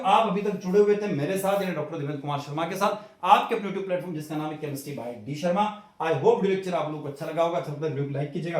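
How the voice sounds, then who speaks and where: A man with a high voice gives a recorded video lesson, asking questions and then answering them himself. He sounds distant from the microphone. His voice rings in a heavily echoing room. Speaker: teacher. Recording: very echoey room, far from mic.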